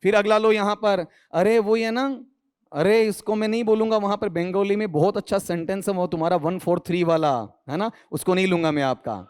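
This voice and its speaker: Guy from india with a highish voice running an online english class, keeps firing questions, jokes around. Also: steady tone, brisk, a little mellow, clean tone. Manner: quizzing students, answering his own questions; teasing, joking asides. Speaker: English teacher. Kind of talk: online exam-prep lesson.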